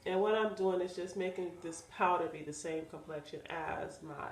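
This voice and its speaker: A woman's voice: on the low side, normal speed, echoey room. A woman with a stuffy, nasal voice from sinus trouble, chatting casually to viewers while showing how she cuts and installs a wig. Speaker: wig seller demonstrating a wig install. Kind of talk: casual how-to vlog chat.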